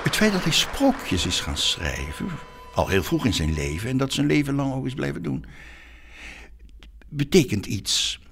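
A man giving reflective documentary commentary, pausing to search for words. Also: medium pitch, huge pitch swings, creaky, fairly bright tone, a little hiss or hum.

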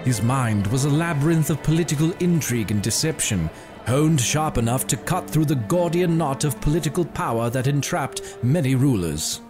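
A man narrating a scripted story in a measured, dramatic storytelling manner. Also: mid-range voice, animated. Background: faint music.

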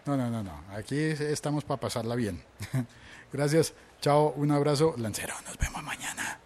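A man's voice: mid-range voice, normal speed, a little mellow, slight background noise. Joking podcast host man. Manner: joking, reads listener comments aloud. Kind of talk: casual podcast chat.

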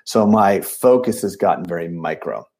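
A man in his late forties, a dentist guest talking in an animated, emphatic way on a podcast. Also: deep voice, moderate pace, husky. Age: 40s. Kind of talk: casual podcast conversation.

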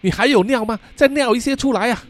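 A man's voice: extremely high pitch, quick pace, slight background noise, pitched above the performer's own voice. A man doing a stern, cold local boy. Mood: cold scolding. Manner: cold, scolding, exasperated sighs.

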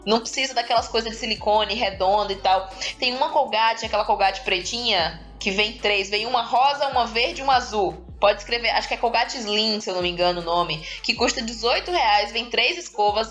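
A woman speaks Brazilian Portuguese-accented speech in an average register. She explains things informally, like an expert guest in a relaxed podcast conversation. Soft music plays faintly behind her. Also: mid-range voice. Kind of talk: casual podcast chat, explaining.

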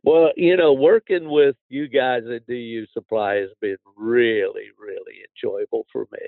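A man's voice: medium pitch, fairly even intonation, moderate pace, creaky, no room sound, narrow, tinny audio. An older man hosts a casual outdoors podcast in a folksy, plain-spoken way. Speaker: podcast host.

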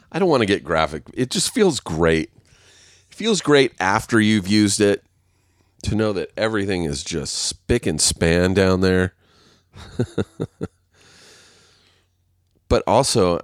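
His voice sits low, and the recording is dry with clean studio sound. Alone on a set while waiting, this podcast host chats casually, rambling, swearing, and laughing at himself a lot, all with a congested, nasal quality.

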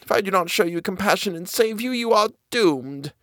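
A man voicing a very old woman who speaks slowly and softly with urgent pity. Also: high voice, lively intonation, no room sound, clean studio sound, voice pushed up. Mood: hushed urgent. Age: older. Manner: slow, pleading, hushed. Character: very old kindly woman, hushed.

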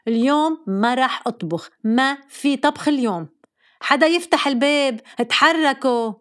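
A woman's voice: high voice, a bit bright, smooth, pitched above the performer's own voice. A woman with a Lebanese accent playing a fussy, bossy middle-aged mother who scolds and fires off questions. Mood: scolding. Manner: scolding rapid-fire questions.

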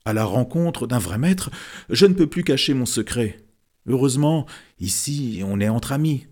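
A man's voice: mid-range voice, lively intonation, normal speed, darkish tone, voice pushed up, lightly acted. A man voicing an arrogant, boastful wealthy painter who talks brashly and familiarly.

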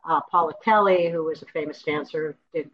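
A woman in her sixties from Wisconsin, a former dancer telling her story as a guest in a chatty, animated way. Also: low voice, brisk, muffled recording. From Wisconsin, USA. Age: 60s. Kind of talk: interview storytelling.

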